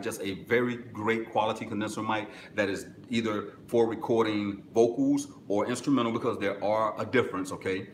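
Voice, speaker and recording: A middle-aged man with a deep voice hosts a music business webinar, live-streaming from a small, echoey office with a corkboard through a camera mic with a little hiss or hum. He is blunt, direct and instructive, and answers viewer comments.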